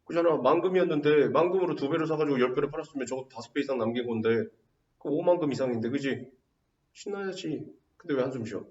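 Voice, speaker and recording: A man teaching a high school Korean literature class, quizzing students with quick rhetorical questions. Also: a little mellow. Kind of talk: lecture. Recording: roomy, dull, distant mic.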